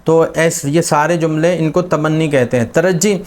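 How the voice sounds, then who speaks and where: A man's voice: a little high, fairly even intonation, darkish tone. A man teaching a grammar lesson, explaining patiently with many examples and fillers. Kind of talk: spoken lesson on Arabic grammar.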